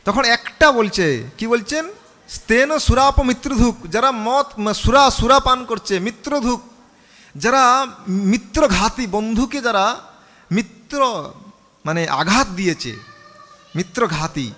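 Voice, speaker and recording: High bright voiced monk giving a sermon, chants along w/ the crowd, big echoey hall. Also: male voice, animated, takes it slowly, long pauses. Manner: call-and-response, chants the mantra with the audience. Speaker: monk preacher. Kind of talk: sermon on scripture.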